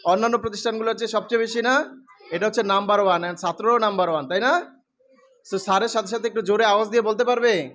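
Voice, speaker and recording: A man teaching English letter sounds to a classroom of children, coaxing them to repeat after him loudly. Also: sits high, quick pace. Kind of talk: classroom phonics drill with call and response. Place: school classroom full of children. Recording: loud noisy classroom crowd. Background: crowd of children chanting loudly.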